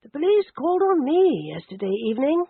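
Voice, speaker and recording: A woman's voice: sits high, very animated, fairly quick, pitched above the performer's own voice. A woman reading a mild, genteel old vicar. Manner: mild, soft-spoken, refined. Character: mild, apologetic older male vicar. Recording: dry, narrowband phone-like audio.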